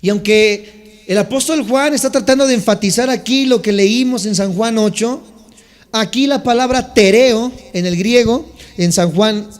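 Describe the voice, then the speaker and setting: A man's voice: sits high, normal speed, big-room sound. A man preaching a sermon as a pastor, explaining Bible words and calling on the congregation to respond. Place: church sanctuary.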